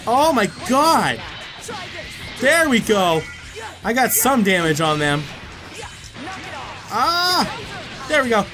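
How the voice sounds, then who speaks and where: A gaming video creator rambles through casual commentary as he plays, swearing freely, repeating words and exclaiming often. His voice is very high and very animated, with a slow pace and long pauses, heard over music.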